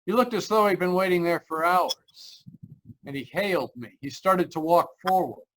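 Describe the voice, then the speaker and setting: In the role of an uneasy motorist, an actor narrates an eerie road story like an old-time radio mystery, hesitant and dramatic, with a haunted, brooding feel. His high, somewhat bright voice has lively intonation and a moderate pace. Recorded over a remote video call, the audio is poor with slight background noise.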